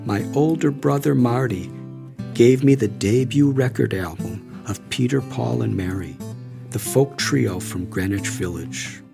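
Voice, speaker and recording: Slow, gravelly male memoir narrator. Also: medium pitch. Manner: slow, measured, reflective reading. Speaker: audiobook narrator. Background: soft guitar music.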